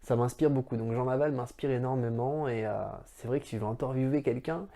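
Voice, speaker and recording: Man, warm low-key tone, casual to-camera Q&A host, chatty. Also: a little fast. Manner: friendly, talks straight to the viewer as tu; chatty, rambling asides. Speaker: YouTuber answering viewer questions.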